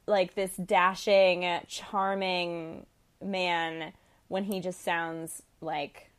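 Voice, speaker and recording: A young woman with a lowish voice chats loosely about films. She laughs easily and keeps dropping in "like" and "um" as she goes. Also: little pitch movement, very slow, clear, resonant tone. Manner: laughs often, many fillers like "like" and "um". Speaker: podcast co-host. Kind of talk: casual chat.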